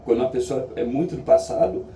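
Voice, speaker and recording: Dark-voiced Brazilian man in an echoey space. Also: medium pitch, gravelly. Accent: Brazilian Portuguese. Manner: earnest, halting, with frequent tag questions. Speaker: vlogger sharing daily reflections. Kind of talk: reflective casual monologue. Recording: echoey, distant mic, faint background noise.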